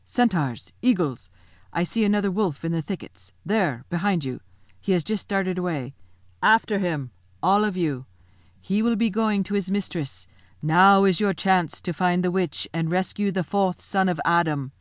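A woman voicing a great male lion who speaks slowly and solemnly. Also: on the low side, dry recording, studio quality, close to an everyday voice. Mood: urgent. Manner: slow, solemn.

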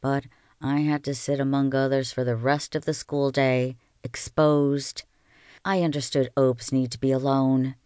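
A calm reader telling a novel aloud, with a smooth, clear voice of middling pitch. The sound is close and dry, with no room around it. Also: unhurried, no room sound. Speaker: audiobook reader.

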